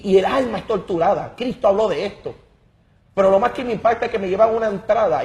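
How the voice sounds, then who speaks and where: Fervent man, high voice. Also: darkish tone. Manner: emphatic and dramatic, repeats words while searching. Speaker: guest giving a testimony. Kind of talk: impassioned religious testimony.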